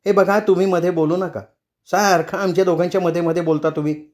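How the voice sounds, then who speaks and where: Man doing a snippy young wife who picks fights, raised pitch, storybook. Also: animated, brisk, darkish tone, close to an everyday voice. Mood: sulky. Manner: sulky, argumentative. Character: quarrelsome young wife, sharp-tongued daughter-in-law.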